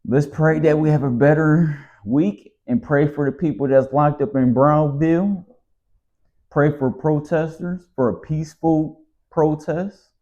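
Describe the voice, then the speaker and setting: With a warm, slightly high voice, a measured pace, and fairly flat intonation, a Southern American vlogger from the United States delivers a weary, exasperated rant in a relaxed monologue. The lo-fi recording comes across a little dull.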